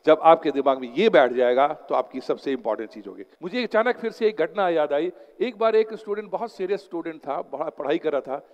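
A man's voice: a little high, expressive, fairly quick, hardly any pauses, highs cut off. A man giving a motivational seminar talk as an exam coach, telling stories and mixing English phrases into his Hindi. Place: lecture hall. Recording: long hall reverb.

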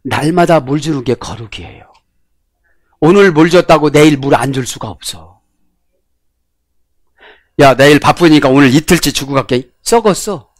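A male pastor preaching a sermon, swinging between loud exclamations and quiet asides. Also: fairly high pitch, moderate pace, long pauses, no echo, clean studio sound.

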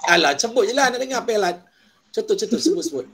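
A man with a Malaysian accent runs a lively online Japanese lesson, joking with students and drilling words over and over. His voice sits a bit high for a man. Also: quick pace, breathy edge. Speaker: Japanese language teacher. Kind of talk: online language class.

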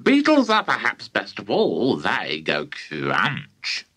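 A man voicing a gloating, menacing old grandmother with a witchy streak, in a slow, relishing, creepy drawl. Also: fairly low pitch, huge pitch swings, pushed and bright, husky, no room sound, studio quality, exaggerated voice.

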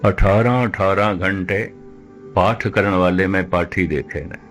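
A man preaching a religious discourse in a measured, deliberate way, slowing right down when he quotes scripture. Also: sits low, soft background music. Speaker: Sikh preacher.

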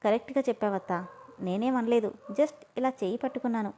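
A woman's voice: a little high, a little fast, warm tone, a little hiss or hum, natural voice. A woman voicing an irritable young man who talks in a curt, brusque way. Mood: irritated.

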